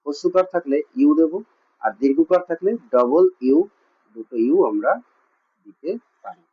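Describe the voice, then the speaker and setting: Husky Bengali teacher asking and answering. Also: male voice, on the high side, animated, moderate pace. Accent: Bengali (West Bengal). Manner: asks questions and answers them himself, repeating. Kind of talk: classroom lesson. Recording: muffled lo-fi recording.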